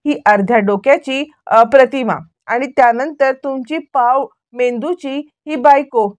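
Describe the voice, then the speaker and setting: A stubborn, sharp-tongued young woman from a TV serial, quoted by a woman telling the story. She pleads and insists that she gets her way. Her voice is fairly high and sits dry and close to the mic. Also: steady tone, a little slow, no room sound. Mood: insistent.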